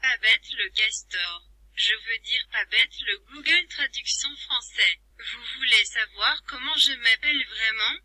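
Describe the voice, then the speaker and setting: A synthetic text-to-speech woman voice playing a cheeky translator app that taunts the viewers in a flat, computerized delivery. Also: on the high side, a little slow, slightly rough, dry recording, heavily acted, rough recording. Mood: mocking. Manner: teasing, insults viewers as losers. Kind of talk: computer-voiced vlog bit.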